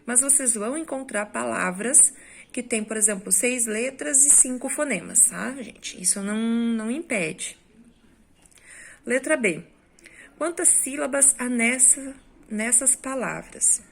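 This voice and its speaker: A woman's voice: a little high, animated, a little slow, vocal fry, fairly bright tone. A woman with a Brazilian Portuguese accent, a school teacher going through exercise corrections in a recorded lesson, explaining step by step and often checking in with the class.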